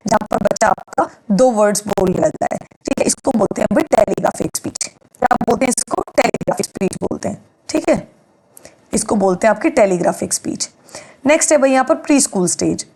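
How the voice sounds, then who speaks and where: A woman's voice: on the high side, animated, a little fast, a little mellow, rough recording. A woman teaching an exam-prep lecture, explaining step by step and asking and answering her own questions.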